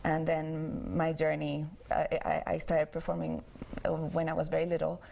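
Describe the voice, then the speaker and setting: A woman's voice: low voice, monotone, moderate pace, vocal fry, mellow. A woman pianist from Venezuela answering interview questions in a hesitant way, often repeating words. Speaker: concert pianist. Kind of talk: interview guest. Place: TV studio.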